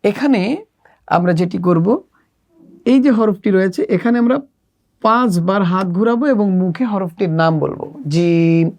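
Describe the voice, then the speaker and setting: A woman walks young learners through an Arabic alphabet workbook. She speaks slowly and patiently, with a gravelly, creaky edge to her mid-pitched voice. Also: darkish tone. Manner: slow, patient step-by-step instruction. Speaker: Arabic teacher for children. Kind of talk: workbook lesson walkthrough.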